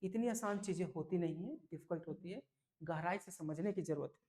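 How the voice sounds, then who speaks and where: A man teaching English vocabulary for an entrance exam, lively and repetitive, often checking whether students follow. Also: sits high, brisk. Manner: lively, repeats key words, asks "clear?" often. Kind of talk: exam-prep vocabulary lesson.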